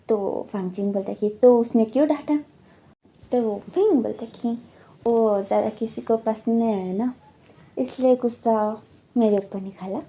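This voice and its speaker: A woman casually retelling a story, rambling along with frequent fillers and restarts. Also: fairly high pitch. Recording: dull lo-fi recording.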